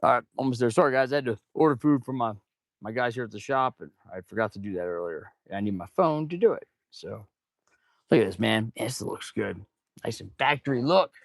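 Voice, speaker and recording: Male livestream host, mechanic type. Low, creaky voice, stuffed-up nose, audible mouth breathing, informal rambling delivery, close dry sound. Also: expressive, fairly quick, no echo. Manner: rambling, informal, addresses viewers as "man" and "guys". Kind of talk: casual livestream chat while working.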